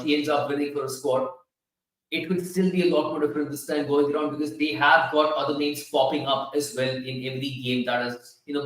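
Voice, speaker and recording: Indian guy doing cricket analysis, slightly high voice, really echoey room. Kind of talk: sports analysis, unscripted. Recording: very echoey room, distant from mic.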